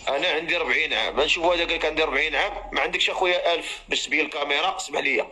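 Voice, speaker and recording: A man's voice: on the high side, rapid-fire, bright, forceful tone, a little hiss or hum, rough recording. A man with a Moroccan Arabic accent hosting a live matchmaking stream, chatting and calling out to viewers and callers.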